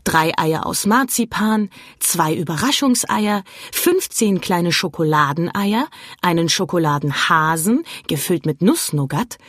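A woman reading a children's story aloud in a slow, lively and expressive way. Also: fairly low pitch, no room sound, clean studio sound. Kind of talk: scripted children's story narration.

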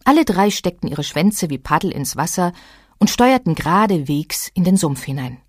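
A woman reading a children's story aloud in an expressive way. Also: lowish voice, moderate pace, dry recording, clean studio sound.

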